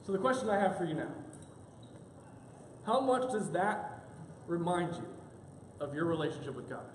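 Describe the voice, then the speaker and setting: A pastor with a fairly high-pitched voice preaches at a moderate pace, animatedly acting out the people in his story through quoted asides. The recording, made in a church sanctuary, sounds echoey and has a little hiss or hum.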